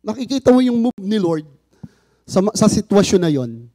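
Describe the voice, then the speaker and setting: A man's voice: high voice, sing-song, moderate pace, warm tone, dry recording. A father sharing a personal faith testimony in an earnest storytelling manner, acting out the dialogue he quotes.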